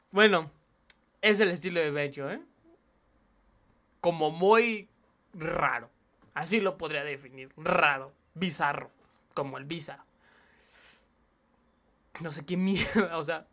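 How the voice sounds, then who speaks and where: Young male reaction host, upbeat and chatty, drops English slang, voice a bit high. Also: a bit bright. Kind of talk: casual reaction commentary.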